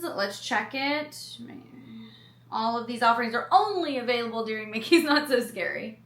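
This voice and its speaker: Woman, food vlogger, bright voice, slightly high, chatty asides, echoey room. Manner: chatty, reads menu items aloud with personal asides. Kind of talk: casual chat reading a menu.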